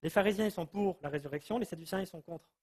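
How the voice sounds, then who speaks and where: Husky-voiced man preaching with lively storytelling. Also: high-pitched, racing. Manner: lively storytelling, acting out quoted lines. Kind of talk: informal Bible teaching.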